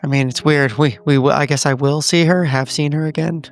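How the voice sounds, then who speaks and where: A man's voice: on the high side, fairly even intonation, a little fast, soft background music. A man role-playing at a tabletop game, hesitant and stammering as he talks. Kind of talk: conversational in-character role-play.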